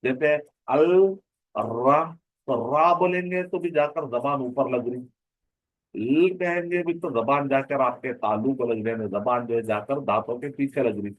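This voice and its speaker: A man's voice: mid-range voice, moderate pace, dry recording, dull audio. Man teaching a grammar class. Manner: explanatory, repeats and asks rhetorical questions. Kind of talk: online class lecture.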